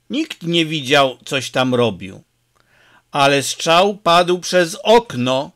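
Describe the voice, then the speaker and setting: A man's voice: fairly high pitch, fairly bright tone, heavily acted. A man voicing a sullen, scheming male henchman in a storybook reading, talking grimly.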